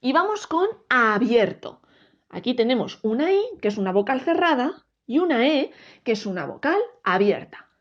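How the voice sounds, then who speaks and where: A woman teaching a grammar lesson, explaining slowly and clearly, splitting words into syllables and speaking straight to viewers. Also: fairly high pitch, very animated, muffled recording. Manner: addresses viewers directly, asks rhetorical questions.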